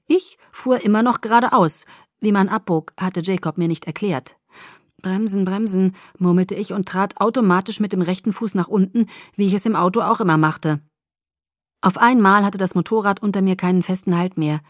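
A woman narrates a novel in the first person, measured and expressive. Her voice sits at an ordinary middle pitch. The recording is dry and close, with no room around it. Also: no echo. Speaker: audiobook narrator.

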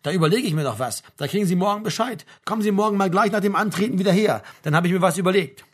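A man's voice: sits high, very fast, husky, voice pushed up. A man voicing a stern, brusque middle-aged male army major. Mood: scolding.

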